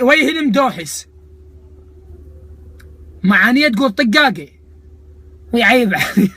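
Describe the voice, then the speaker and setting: A man's voice: sits high, pushed and bright, slightly rough. A man with an Iraqi Arabic accent delivering a comic rant to viewers, mocking, indignant and sarcastic in manner. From Iraq. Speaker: comedian host of a video channel.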